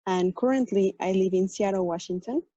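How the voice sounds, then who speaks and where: Speaking as a panel guest on a virtual panel, a Mexican tech program manager tells her personal story in Mexican-accented English, Spanish being her first language. Her medium-pitched voice is mellow and relaxed yet fairly quick, and she explains earnestly and patiently with fillers and small restarts. The video call recording is dry and a bit dull.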